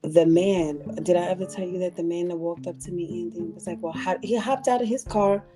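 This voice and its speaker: Podcast co-host, woman, low pitch, lively storyteller who wanders off on tangents. Music under the talk. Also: a little fast. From California. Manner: animated storyteller, jumps between tangents. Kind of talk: casual chat.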